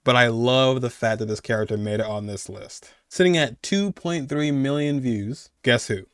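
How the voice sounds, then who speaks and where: In clean studio sound with no echo, a twenty-something video host talks at normal speed in a smooth, medium-pitched voice. He rambles casually through a countdown while music plays beneath him.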